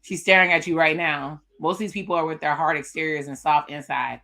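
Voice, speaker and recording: A woman's voice: deep voice, steady tone, brisk, bright, forceful tone, soft background music. A woman hosting a live reaction stream, casually recapping and commenting on a dating show. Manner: casual, recaps what cast members say, chatty asides. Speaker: reaction video host.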